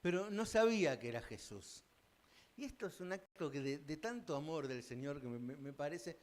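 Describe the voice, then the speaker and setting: A man with an Argentine accent preaching a sermon as pastor, folksy and joking, his voice swinging from loud bursts to hushed asides. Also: a little high. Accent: Argentine Spanish. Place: church sanctuary.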